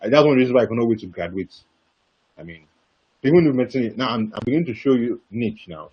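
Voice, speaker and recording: A young man telling his story as a webinar guest speaker, animated and repetitive, bursting into laughter. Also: fairly low pitch. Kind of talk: casual webinar talk. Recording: dull lo-fi webinar audio.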